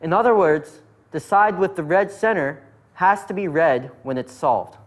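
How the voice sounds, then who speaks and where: This high-pitched, unhurried male voice belongs to an instructor guiding listeners through a puzzle method step by step. He narrates patiently and methodically.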